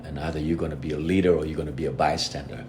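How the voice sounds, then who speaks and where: Very deep-voiced man. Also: rapid-fire, noisy background. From Fiji. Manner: earnest, reflective, steady storytelling. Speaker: guest, lead singer of a reggae band. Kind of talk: casual interview conversation.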